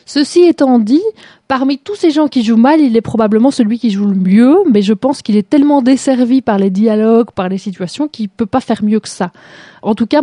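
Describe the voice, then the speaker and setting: Dark-toned and mid-range, this woman's voice comes through with no room sound. She's hosting a chat show and reviewing a TV series, poking fun at it with sarcasm and plenty of laughter in casual critical chat.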